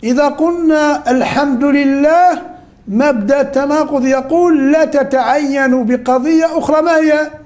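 Man, very high-pitched voice, teacher, quizzing students, praises and corrects, slow deliberate repetition. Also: a little mellow. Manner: repeats key phrases slowly and deliberately. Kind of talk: interactive class, quizzing students.

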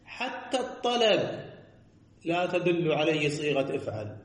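Guy giving a scholarly lecture, kinda high voice, singsongy stress, asks himself questions, echoey room. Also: big pitch swings, moderate pace. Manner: rhetorical questions answered himself, sing-song emphasis. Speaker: teacher. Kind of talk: seminary lecture on jurisprudence.

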